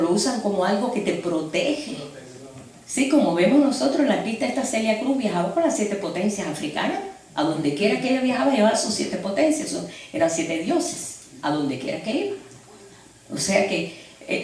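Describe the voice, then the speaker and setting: A woman preaching a sermon, telling stories in an animated way and laughing as she speaks. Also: on the high side. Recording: echoey hall from far off.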